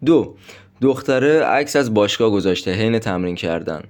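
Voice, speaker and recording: A man with a fairly low voice runs through numbered dating tips like a coach. He talks directly and casually to his listeners, as if to friends. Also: expressive, a little mellow. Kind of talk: instructional monologue with numbered tips.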